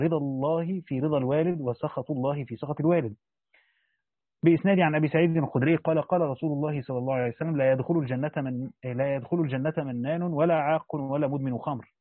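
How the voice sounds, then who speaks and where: Man with an Egyptian accent, reading a religious commentary and then explaining it, rapid delivery, higher-pitched voice, dry tinny phone-like sound. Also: no echo. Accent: Egyptian Arabic. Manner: reads the text then explains in casual colloquial asides with fillers. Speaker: Quran commentary reader and teacher. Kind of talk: reading a classical commentary aloud with spoken explanations.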